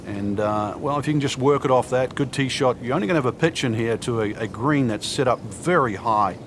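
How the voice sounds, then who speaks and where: A man's voice: medium pitch, brisk, lightly acted. A man speaking as an easygoing golf commentator, giving informal expert analysis with hesitant phrasing. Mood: relaxed, analytical. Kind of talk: conversational broadcast golf commentary. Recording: crowd and outdoor noise behind. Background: crowd, outdoor ambience.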